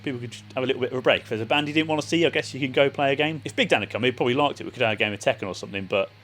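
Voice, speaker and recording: A man's voice: medium pitch, racing, a bit bright, slight background noise. A man giving a casual, chatty spoken review of a festival, loose and full of ums and uhs. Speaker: vlogger reviewing a metal festival.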